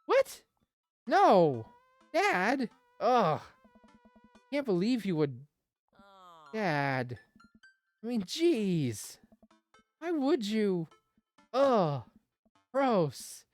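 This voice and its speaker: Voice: mid-range voice, wildly swooping pitch, extremely slow, long pauses, faint music behind, pitched above the performer's own voice, heavily acted. A streamer voicing a sarcastic teenage daughter, reading game dialogue aloud with terse, eye-rolling retorts. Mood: grossed out.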